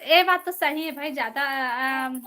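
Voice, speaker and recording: A woman with a Chhattisgarhi accent hosting a casual live stream, reading out viewer comments and gently telling people off. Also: sits high, normal speed, slight background noise. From Chhattisgarh, India. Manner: reads out and answers viewer comments, scolds gently.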